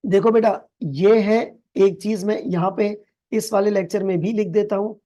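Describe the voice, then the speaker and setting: A man tutoring for an accounting exam in a recorded video lecture. He speaks with a Pakistani Urdu accent, mixes in English terms, keeps calling his students "beta", and reads English passages slowly and deliberately. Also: high voice, fairly even intonation, warm tone.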